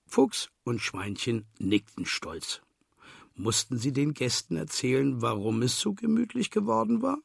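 A man's voice: mid-range voice, sing-song, a little slow, gravelly, slightly rough, dry recording, studio quality. A man reading a children's storybook aloud as narrator, telling it expressively.

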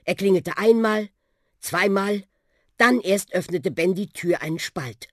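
A narrator reading a children's audiobook with expressive, lively storytelling. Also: mid-range voice, a little slow, no room sound, clean studio sound.

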